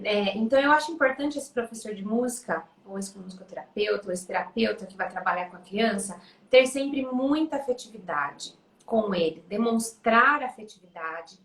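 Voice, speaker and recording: Brazilian woman, higher voice, gentle explanatory tone, echoey room. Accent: Brazilian Portuguese. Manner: gentle, explanatory, often ends with "né?". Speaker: music educator host. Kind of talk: casual conversation.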